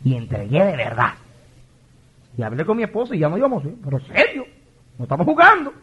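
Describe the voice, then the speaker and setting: A man's voice: fairly high pitch, very animated, brisk, breathy edge, highs cut off. A man in his forties preaching an impassioned, emotional sermon, often stumbling and repeating words as he testifies. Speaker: pastor.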